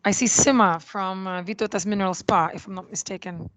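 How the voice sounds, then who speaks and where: A woman moderates an online meeting over a video call, politely calling on participants and apologizing for technical trouble. Her medium-pitched voice is steady and brisk, and she is courteous and apologetic, with brief laughs.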